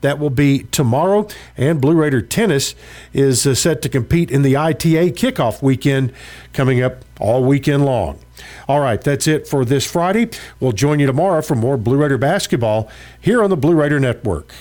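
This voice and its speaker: A man's voice: medium pitch, expressive, moderate pace, a little mellow. An American man reading a radio sports report as a broadcaster, in a polished, emphatic announcer delivery with occasional hesitations. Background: music behind the voice.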